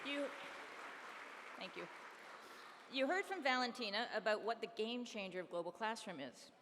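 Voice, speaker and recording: A woman with a fairly high voice calls out charity auction bids at a brisk clip, coaxing the room and thanking bidders. Her voice rings with long reverb through a big hall, with faint room noise behind her. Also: animated, fairly bright tone, some chatter behind. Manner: brisk number calling, upbeat and coaxing. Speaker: charity auctioneer and fundraiser host. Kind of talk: live auction calling and fundraising appeal. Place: large hall at an awards dinner.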